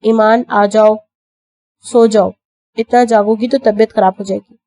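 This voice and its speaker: A woman voicing a young husband in a scripted audio novel reading, speaking softly and affectionately. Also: medium pitch, steady tone, natural voice. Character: young man, teasing protective husband.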